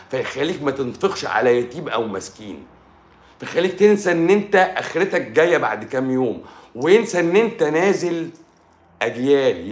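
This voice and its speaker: Animated Egyptian man, fast and echoey. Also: mid-range voice. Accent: Egyptian Arabic. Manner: animated, addresses listener directly, repeats phrases. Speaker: religious speaker. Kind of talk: live stream religious talk.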